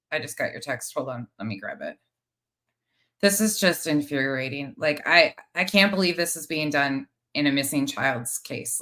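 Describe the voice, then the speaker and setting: This true crime commentary host has a low voice that sounds pushed and bright. She comments live on played clips, exasperated and critical, and lets some swearing slip in.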